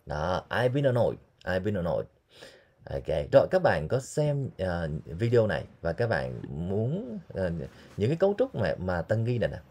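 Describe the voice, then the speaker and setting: A man, teaching English phrases and repeating examples slowly. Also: lowish voice, mellow, slightly rough. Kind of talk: explaining English phrases in Vietnamese.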